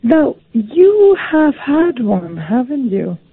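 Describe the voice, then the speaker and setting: A woman's voice: sits high, very animated, slow, slightly rough, no echo. A tipsy woman calling in over the phone on speakerphone, slurring and arguing with the host. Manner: slurring, argumentative. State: tipsy after a few drinks. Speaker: caller. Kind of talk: call-in radio chat. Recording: tinny dry phone line.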